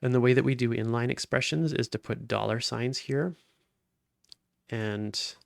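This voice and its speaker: A man's voice: mid-range voice, unhurried, vocal fry, dry recording, clean studio sound. A man giving a step-by-step lesson while recording his screen, explaining each step plainly. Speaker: instructor. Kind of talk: screen-recorded coding tutorial.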